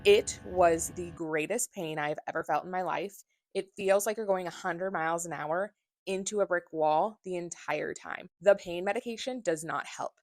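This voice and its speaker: Blunt, low-voiced woman vlogger. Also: normal speed, dry recording. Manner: candid and blunt, with swearing. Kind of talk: casual personal vlog.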